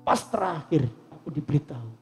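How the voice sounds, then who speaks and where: A man's voice: fairly high pitch, very animated, a little fast, gravelly, faint music behind. A man preaching a sermon as a pastor, telling stories and speaking directly to the congregation. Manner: storytelling, addresses the congregation directly. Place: church service before a congregation.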